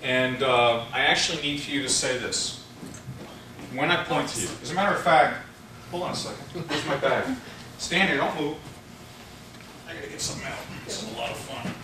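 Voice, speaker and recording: A man running a live sales training seminar in a large room, animated and playful, shouting instructions to volunteers. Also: mid-range voice, normal speed, pauses often. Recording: echoey room recording from far off, noisy.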